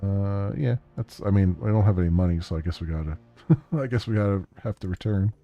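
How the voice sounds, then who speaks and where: A man's voice: low-pitched, fairly quick, dull audio. A male streamer reading game text aloud during a let's-play, with casual, hesitant asides.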